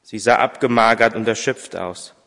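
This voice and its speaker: A pastor reading a story aloud in a church service, measured and a little hesitant when speaking freely. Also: male voice, lowish voice, a bit bright. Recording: long church reverb, distant mic.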